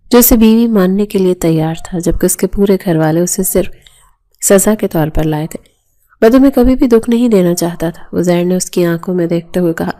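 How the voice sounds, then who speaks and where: Woman reading a romance novel out loud, steady pace, dark mellow voice. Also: medium pitch. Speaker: narrator. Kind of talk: scripted narration of a romance novel.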